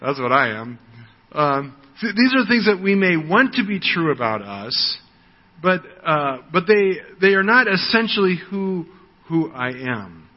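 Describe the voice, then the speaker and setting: An American preacher in his sixties delivers a conversational sermon in a high, sing-song voice, speaking a little slowly. He often asks "right?" and repeats words as he launches into a thought. The audio is dull, with a long hall reverb.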